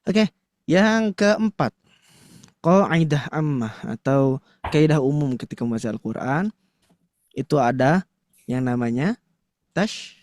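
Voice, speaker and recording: A man's voice: fairly high pitch, lively intonation, a little slow, long pauses, darkish tone, no echo, clean studio sound. A man teaching a Quran recitation class to a live audience, chatty and full of fillers, often stopping to quiz the room. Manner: conversational, filler-heavy with frequent "nah", quizzes the audience.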